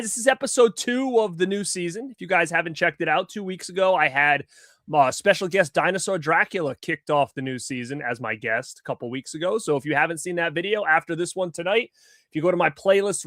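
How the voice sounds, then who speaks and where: Male livestream host, upbeat and animated, slightly high voice, close dry headset-mic sound. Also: dry recording. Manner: upbeat, shouts out viewers by name. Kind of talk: casual live-chat greetings.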